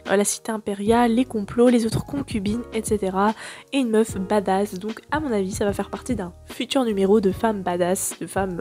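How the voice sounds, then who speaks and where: A woman in her twenties hosting a casual, slangy chat about new manga releases, full of fillers and excitement. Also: fairly high pitch. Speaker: manga booktuber host.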